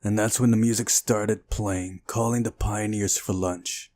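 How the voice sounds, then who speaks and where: A man with a lowish, slightly mellow voice and fairly even intonation plays through a visual novel at a measured pace, reading it aloud and tossing in exasperated, disbelieving comments. The recording is dry.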